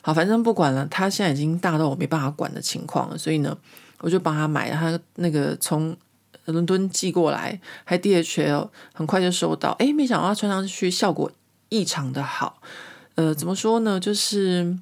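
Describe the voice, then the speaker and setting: A woman's voice: fairly low pitch, normal speed, vocal fry, a little mellow. A woman, hosting a podcast and telling a rambling, chatty story full of fillers. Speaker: podcast host. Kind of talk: casual chat monologue.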